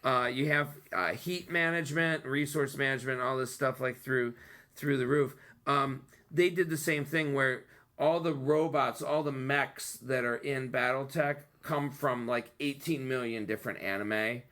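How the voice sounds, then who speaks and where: A man's voice: mid-range voice, fairly even intonation, a little slow, a bit bright. A man in his thirties hosting a podcast, chatting casually and enthusiastically about childhood toys, rambling with fillers. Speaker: podcast host. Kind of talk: casual chat.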